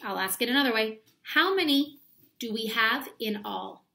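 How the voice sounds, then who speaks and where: Here a woman's voice is a little high, gravelly, bright and forceful, with lively intonation at a normal speed. As an elementary school teacher, she gives children an instructional read-aloud from a small indoor room at home, explaining step by step and questioning them.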